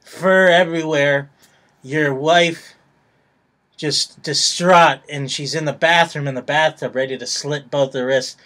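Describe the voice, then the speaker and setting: A man's voice: on the high side, steady tone, unhurried, fairly bright tone. A man co-hosting a comedy podcast who rambles goofily through gory jokes and laughs easily. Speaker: podcast co-host. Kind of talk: casual comedy podcast banter.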